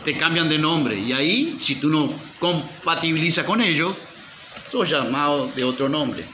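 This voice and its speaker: A man's voice: fairly high pitch, a little slow, bright, forceful tone, slight background noise. A male pastor preaching a sermon, firing rhetorical questions at the congregation and calling for amen. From Uruguay. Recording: roomy, slightly dull church recording.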